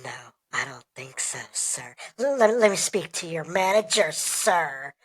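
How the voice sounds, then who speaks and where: A woman's voice: low voice, animated, a little slow, low-quality recording. A woman voicing a disgruntled customer who demands the manager, speaking through a voice changer. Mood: huffy, demanding. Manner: pushy, repeats "sir".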